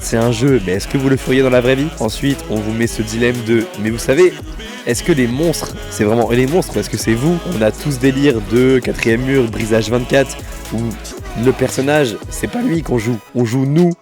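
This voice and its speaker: A man doing casual, slangy video game commentary, exasperated and congested, his throat swollen from tonsillitis and his voice giving out. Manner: exasperated, slangy, swinging into high outbursts. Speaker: video host.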